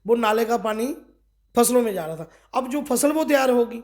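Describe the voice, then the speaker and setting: A middle-aged man from Kathua speaks in a notably high voice. He is a district party official giving a local news interview. He presses his complaints forcefully and leans on rhetorical questions. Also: lively intonation, moderate pace. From Kathua, Jammu and Kashmir.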